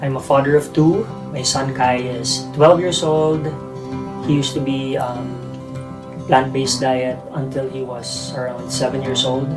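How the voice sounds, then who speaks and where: A man's voice: medium pitch, level tone, measured pace, rough recording. A man in his late thirties, a father, introducing himself casually with slight hesitation. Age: 30s. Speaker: interviewed father. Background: guitar music.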